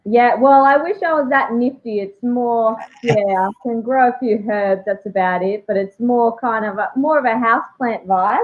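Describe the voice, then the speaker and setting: A woman's voice: on the high side, normal speed, few pauses. A woman in her thirties with a broad Australian accent, chatting casually and jokily as an interview guest. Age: 30s. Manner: chatty, jokey, informal. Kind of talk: casual chat. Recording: tinny phone-like video call.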